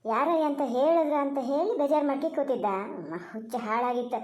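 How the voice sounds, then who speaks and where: A voice actor playing a talkative, kind-hearted village woman in a cartoon who coaxes and scolds briskly. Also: high-pitched, lightly acted. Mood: bossy kindness. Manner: brisk, loud, coaxing and scolding chatter. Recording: echoey room.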